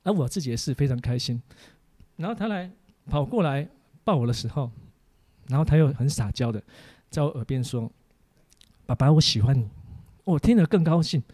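A man, a preacher giving a teaching sermon for an online course, full of animated stories about his family. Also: fairly high pitch, fairly quick, long pauses, dry recording.

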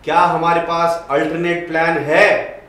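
An Indian man delivers an earnest TV self-help lesson, circling back and repeating key phrases. His voice sits high for a man. The sound bounces around a very echoey room, picked up from well away from the mic. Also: little pitch movement, measured pace, a bit bright, distant mic. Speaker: trainer.

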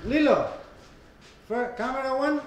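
A man's voice: extremely high pitch, a little slow. A man in his thirties with an Italian accent, giving a casual cooking demonstration as the chef. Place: indoor professional kitchen. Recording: echoey kitchen from some distance.

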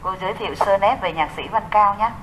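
A woman's voice: mid-range voice, fairly quick, fairly bright tone, slight background noise, poor audio. A woman teaching a recorded music theory lesson, explaining step by step and answering her own questions to the class.

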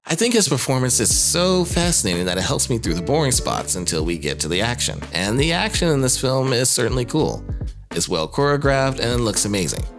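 A man hosts a scripted video commentary in a brisk, very animated voice of medium pitch. His narration is wry and casual, sprinkled with jokey asides, with background music playing beneath.

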